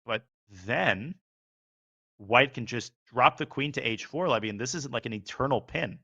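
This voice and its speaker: A man's voice: medium pitch, expressive, sharp tone, highs cut off. A man commentating live chess, analyzing positions and rattling off moves. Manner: analytical, calls moves rapidly.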